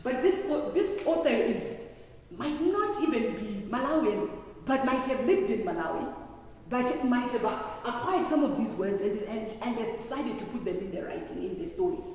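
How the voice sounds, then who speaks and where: A woman giving a classroom lecture, explaining step by step and often pausing to check that students understand. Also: on the high side, big pitch swings, a little mellow. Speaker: lecturer teaching trainee early childhood teachers. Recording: very echoey hall, distant mic, faint noise.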